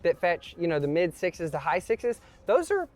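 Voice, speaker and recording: High-pitched and very animated, a real estate host speaks at normal speed while showing viewers around a house. He's out of breath from climbing, but keeps up a joking, talkative commentary on prices and renovation costs.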